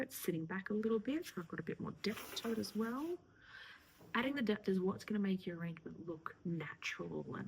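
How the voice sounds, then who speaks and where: A woman florist talks viewers through her work in a relaxed, encouraging way. Her voice has a gravelly edge, and she often slips into a half-whisper mid-task. Faint noise sits under the recording. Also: medium pitch, low-quality recording. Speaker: florist teaching a tutorial. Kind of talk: casual instructional talk while working.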